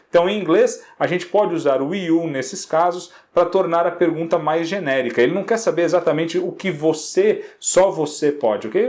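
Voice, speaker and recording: A man's voice: fairly high pitch, a little mellow. A male teacher from Brazil patiently walking students through an English exercise in Portuguese, checking in with constant rhetorical questions.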